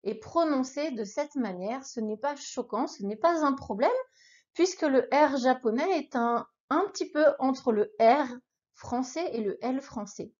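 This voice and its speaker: A woman's voice: high-pitched, lively intonation, measured pace, a little mellow, highs cut off. A woman teaching a beginner language lesson, patiently leading repeat-after-me drills and cheering the listener on. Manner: patient, encouraging, addresses the listener informally.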